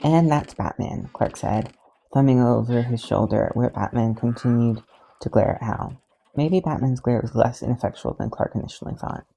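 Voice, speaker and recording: A podfic reader narrating fan fiction in an even, steady read. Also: medium pitch, normal speed, gravelly, slightly rough, rough recording.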